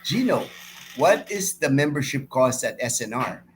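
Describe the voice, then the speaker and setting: A middle-aged Filipino man, born and raised in Manila until age twelve, hosts a live stream and chats casually with viewers, often repeating himself. His mid-range voice has a sing-song lilt at a moderate pace. There's slight background noise.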